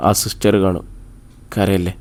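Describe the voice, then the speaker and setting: A man voicing a grieving father in an audiobook, speaking softly in short, halting replies. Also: deep voice, level tone, voice pushed down, natural voice. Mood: sorrowful. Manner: soft, hushed, halting replies. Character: grieving father, gentle and choked up.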